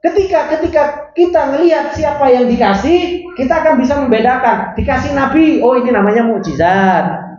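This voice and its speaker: A male religious teacher leads a study lesson. He reads the old Arabic text slowly, then breaks it down by asking questions and answering them himself. The recording is roomy and a little dull. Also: extremely high pitch, darkish tone.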